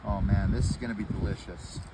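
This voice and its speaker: A man's voice: lowish voice, steady tone, fairly quick, heavy background noise. A man vlogging outdoors while he cooks and tastes his food, chatting in an upbeat, rambling way. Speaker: cooking vlogger. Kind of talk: casual chat while tasting food.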